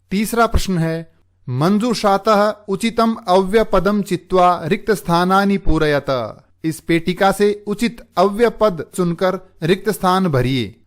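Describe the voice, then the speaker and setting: A man teaching a school Sanskrit lesson, reading each line and then explaining it word by word in Hindi. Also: on the high side. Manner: slow, deliberate glossing of each word.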